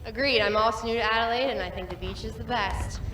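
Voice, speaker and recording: A woman asking a player quick, bubbly questions in an interview segment. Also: fairly high pitch, steady tone, pushed and bright, echoey room. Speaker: sideline interviewer.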